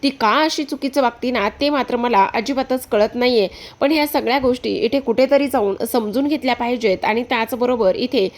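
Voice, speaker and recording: A woman's voice: fairly high pitch, normal speed, few pauses, natural voice. A woman voicing a young married elder sister who scolds and pleads in a retold serial story, in her own voice. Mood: troubled. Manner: lecturing, pleading.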